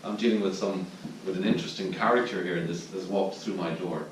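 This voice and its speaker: A man with an Irish accent gives a dharma talk, his voice sitting a little low as he searches thoughtfully for his words. The mic is set back from him, and the meditation hall adds a strong echo with faint noise underneath. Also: fairly even intonation, fairly quick. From Ireland. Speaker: Zen teacher giving a dharma talk. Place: meditation hall at a retreat centre. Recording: distant mic in a very echoey room with faint noise.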